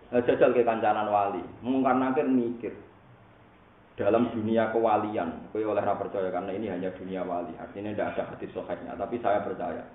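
A man with a Javanese accent giving a relaxed, humorous religious study sermon. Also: on the low side, fairly quick. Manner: casual, humorous, mixing in regional words. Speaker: Islamic preacher. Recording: echoey phone-like recording, faint noise.

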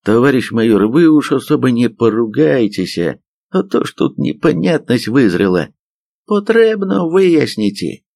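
A man's voice: mid-range voice, sing-song, unhurried, vocal fry, a little mellow, dry recording, pitched above the performer's own voice, exaggerated voice. A man voicing a simple, rustic male soldier who speaks in a pleading, folksy way in an audiobook.

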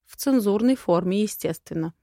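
A woman's voice: mid-range voice, normal speed, dry recording, clean studio sound. Wry woman narrating an audiobook. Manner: wry, lively storytelling. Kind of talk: first-person audiobook narration.

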